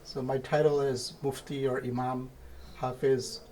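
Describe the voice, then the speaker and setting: A man from India, an imam, answering interview questions in a measured way and laying out his points one by one. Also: mid-range voice, flat delivery, a little mellow, a little hiss or hum. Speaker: imam of a mosque.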